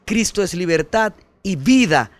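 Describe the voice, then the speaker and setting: With lively intonation and an unhurried pace, a male pastor preaches earnestly and emphatically, speaking to listeners as brother. His sermon alternates between forceful surges and soft, low moments, and there is no room sound.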